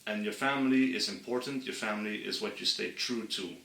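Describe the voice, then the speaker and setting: A man from Friesland, earnestly explaining history to his channel's viewers and slowing down to stress key points. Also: on the low side, vocal fry, sharp tone, roomy sound, recorded from a distance, slight background noise, low-quality recording. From Friesland, Netherlands. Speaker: channel host. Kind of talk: explainer monologue.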